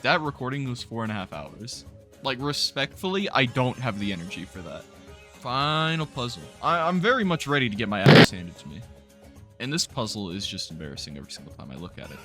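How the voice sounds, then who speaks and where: A young man giving casual, animated let's-play commentary, laughing and swearing often while playing. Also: mid-range voice. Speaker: gaming YouTuber. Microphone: new studio mic.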